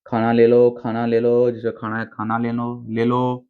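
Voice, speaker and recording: Man as a spooky male food vendor, flat and cryptic, tinny sound. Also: medium pitch, measured pace, clean tone, lightly acted. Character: eerie male food vendor on a haunted train. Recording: tinny phone-like recording.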